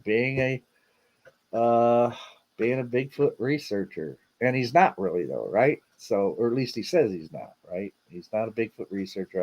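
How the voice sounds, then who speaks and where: A man's voice: lowish voice, darkish tone. A man hosting a casual livestream, chatting and rambling as he reacts to video clips he plays. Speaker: show host.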